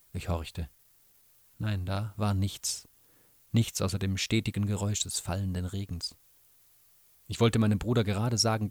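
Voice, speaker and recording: A man reading a novel aloud in an expressive, dramatic way. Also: on the low side, no room sound. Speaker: reader. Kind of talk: literary reading.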